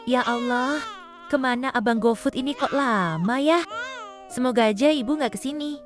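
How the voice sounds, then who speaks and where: A tired young mother in an animated drama, voiced by a woman. Her voice sits fairly high and sounds weary and pleading, worn down by pain and hunger. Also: normal speed, over music, natural voice. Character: exhausted young mother after a caesarean. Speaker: new mother.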